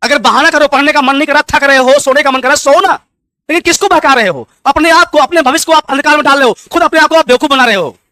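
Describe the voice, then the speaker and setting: A man's voice: very high voice, fast, bright, forceful tone, dry recording, studio quality. A man who teaches exam aspirants, giving a fervent motivational speech full of rhetorical questions, repeated commands and rhyming proverbs.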